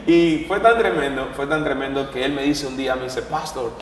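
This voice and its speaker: A man, a pastor giving an animated testimony in an interview and acting out the voices of the people in his story. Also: mid-range voice, a little fast, reverberant, long reverb tail, far from the mic, a little hiss or hum.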